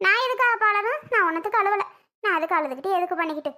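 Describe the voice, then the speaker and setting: A woman's voice: animated, rapid-fire, heavily acted. A woman voicing a tearful, aggrieved elderly mother in a cartoon, wailing and complaining. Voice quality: wailing, complaining, high and bright. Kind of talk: animated cartoon voice acting.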